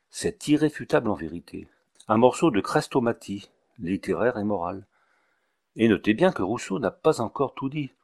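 A man's voice: fairly low pitch, vocal fry, a little mellow, full character voice. A man voicing a fussy, long-winded male village doctor who speaks in a pompous, ceremonious way.

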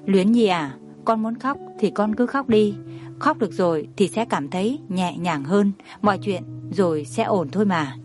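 A woman voicing a gentle, long-suffering middle-aged stepmother in a storybook reading, soft and soothing. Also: medium pitch, normal speed, soft background music, natural voice.

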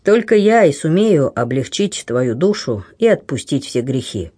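A man's voice: fairly high pitch, very animated, moderate pace, a little mellow, breathy edge. A man reading the part of a blunt, kindly aging buccaneer who grumbles and teases. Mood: gruff warmth. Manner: grumbling, teasing, plain-spoken.

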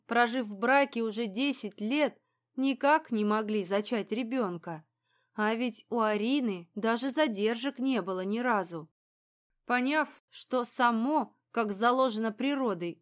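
A woman reading an audiobook in a calm, even storytelling manner. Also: fairly high pitch. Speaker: audiobook narrator. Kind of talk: scripted audiobook narration.

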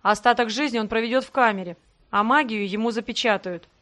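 A woman's voice: fairly high pitch, a little fast, a bit bright, natural voice. A woman voicing a caring male nobleman who talks firmly and soothingly. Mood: reassuring.

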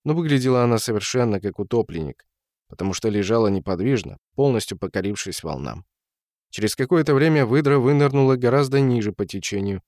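A man narrating a story as an audiobook reader, in a measured storytelling manner. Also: mid-range voice, animated, a little mellow, no echo, clean studio sound. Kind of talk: audiobook reading.

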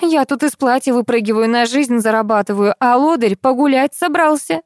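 Lady reading as a shrill nagging mom who runs a shop, high and sharp, dry close sound. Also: normal speed, no room sound, close to an everyday voice. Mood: scolding. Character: loud scolding middle-aged mother, shop owner.

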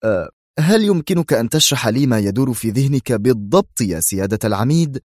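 A man's voice: medium pitch, expressive, fast, warm tone, no echo, studio quality, voice pushed up, natural voice. A man voicing a nervous male intelligence aide who keeps questioning his commander in a strained, pleading tone. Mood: tense.

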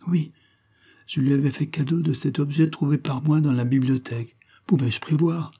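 A man's voice: a little high, steady tone, moderate pace, warm tone, breathy edge, voice pushed up. A man voicing an anxious, pleading young woman in a read-aloud crime story. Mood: anguished. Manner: pleading, emotional.

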